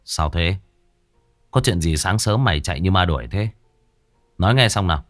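A man's voice: deep voice, animated, normal speed, a bit bright, soft background music. A man voicing a loyal, hot-headed young gang boss in an audio horror story, who hisses in anger and cries out in grief. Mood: annoyed.

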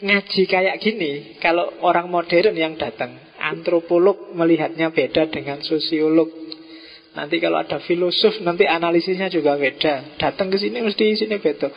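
A man giving an informal philosophy study talk to a gathering, with relaxed joking asides. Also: fairly high pitch, moderate pace, gravelly, slightly rough. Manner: relaxed, joking asides, mixes in Javanese words. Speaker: philosophy lecturer. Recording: dull, reverberant hall sound.

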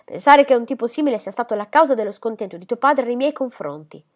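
Woman voicing a coquettish young lady, teasing and airy, lively swooping pitch, audiobook reading. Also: fast, close to an everyday voice.

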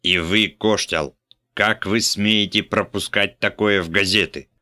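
A man's voice: lowish voice, steady tone, measured pace, bright, forceful tone, no room sound. A man reading an audiobook, voicing an irate, domineering older bishop who bellows and scolds. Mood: furious. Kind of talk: audiobook character voice.

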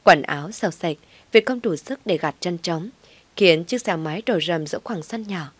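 Woman, audiobook narrator, lowish voice, dry close sound, expressive storytelling. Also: normal speed, breathy edge, no echo.

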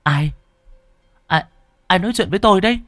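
A man voicing a terrified young woman, high and pleading. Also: expressive, brisk, a bit bright, no room sound, clean studio sound. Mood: frightened. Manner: stammering, pleading cries. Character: frightened young woman, sobbing and desperate.

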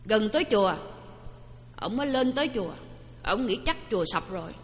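A woman giving a storytelling dharma talk, lively and asking the audience questions. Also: medium pitch, fairly quick. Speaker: Buddhist dharma teacher. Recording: long hall reverb.

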